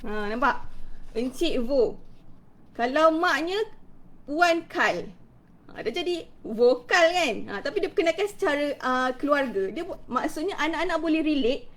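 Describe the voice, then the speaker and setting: A Malaysian woman teacher with a high, bright-sounding voice, talking through a casual live-stream lesson. She chats loosely and fills her sentences with quick interjections as she goes. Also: lively intonation.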